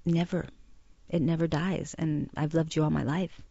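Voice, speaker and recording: Heartfelt woman with a gravelly edge. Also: sits low, steady tone, mellow, dry recording. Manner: heartfelt, halting with repeated words. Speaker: guest telling a personal story. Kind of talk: emotional personal storytelling. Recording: dull lo-fi sound.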